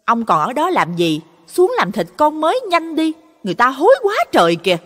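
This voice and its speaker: A woman voicing a shrewish, loud wife of a dog butcher in an audio storybook. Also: a little high, big pitch swings, fairly quick, in a large hall. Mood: nagging. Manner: sharp, nagging, loud.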